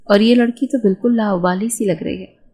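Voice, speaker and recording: A woman's voice: mid-range voice, fairly even intonation, dark tone, lightly acted. A woman voicing a frustrated young husband, speaking in an exasperated, pressing way in an audio storybook.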